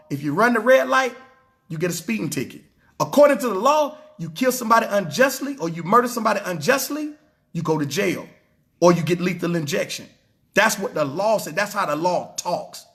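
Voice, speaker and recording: Man, preacher, high voice, emphatic, repetitive, rhetorical questions. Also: fairly bright tone. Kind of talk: street-style sermon on scripture.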